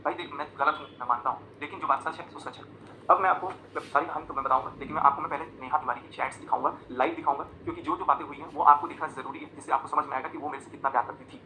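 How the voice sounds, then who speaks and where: Rapid, sharp-voiced agitated man. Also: a little high, fairly even intonation, slight background noise, low-quality recording. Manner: agitated, accusatory, explaining while showing chat screenshots. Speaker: vlogger. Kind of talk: live confessional rant.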